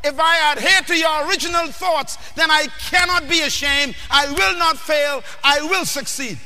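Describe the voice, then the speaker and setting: A man from the Bahamas, preaching a sermon emphatically, questioning the crowd and often shouting. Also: very high voice, moderate pace. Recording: long hall reverb.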